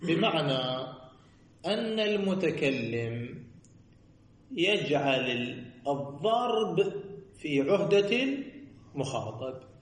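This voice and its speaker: A man teaching a seminary lecture, his voice sitting a little high. He stretches key words into a sing-song lilt and keeps asking rhetorical questions he then answers. The room around him rings with echo. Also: animated, takes it slowly, pauses often. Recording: echoey room.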